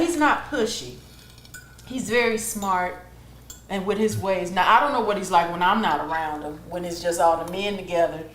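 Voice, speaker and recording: A woman's voice: medium pitch, roomy sound, slight background noise. A woman co-hosting a casual chat, telling stories and laughing as she talks. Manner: chatty, laughing, storytelling. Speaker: co-host.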